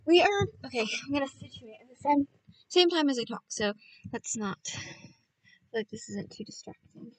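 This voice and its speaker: In a high-pitched, expressive voice at normal speed, a woman reads a novel as an informal audiobook. Chatty and self-interrupting, she frequently turns to her listeners and does playful voices. She's far from the mic, and the recording is rough.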